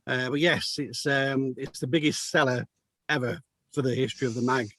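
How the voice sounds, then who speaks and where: A man's voice: mid-range voice, fairly even intonation, moderate pace, a bit bright, no echo. A man from the United Kingdom, a magazine editor, chatting casually on a video call with many restarts and fillers. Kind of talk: casual chat.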